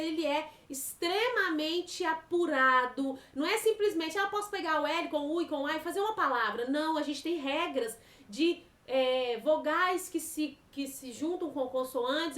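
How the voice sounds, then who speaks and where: High-voiced lively Brazilian teacher. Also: female voice. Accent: Brazilian Portuguese. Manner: lively, talks straight to students. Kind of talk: informal lecture. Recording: echoey room.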